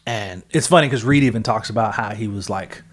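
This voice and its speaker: A man's voice: fairly low pitch, brisk. A man on a podcast casually retelling a comic-book story, rambling with lots of fillers and correcting himself as he goes. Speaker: podcast co-host.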